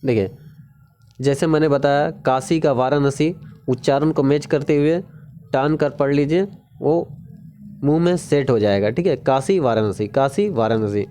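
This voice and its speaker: A man's voice: mid-range voice, mellow, a little hiss or hum. A man teaching a casual exam-prep lesson, repeating key words and often checking in with the viewer. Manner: repetitive, keeps asking "ठीक है?"; drawn-out sing-song pronunciation drills.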